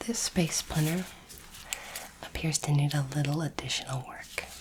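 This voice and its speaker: An ASMR performer whispers close to the microphone, playing a kindly, calm female alien space doctor who is examining a human. Her deep voice is soothing, gentle and reassuring, and she never hurries.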